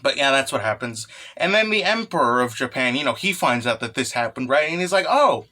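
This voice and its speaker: A man hosting a manga recap as an excited anime fan, casual, sweary and irreverent, often checking in with the listener. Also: medium pitch, brisk. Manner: often tags phrases with "okay" or "right". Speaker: host of a manga chapter review channel.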